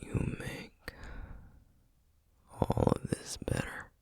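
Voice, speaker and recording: In an intimate ASMR roleplay, a man with a Southern US accent plays a tired, tender sorcerer boyfriend who is also a single dad. He speaks in a hushed, husky, gentle, halting way that sounds grateful and tender, with no echo.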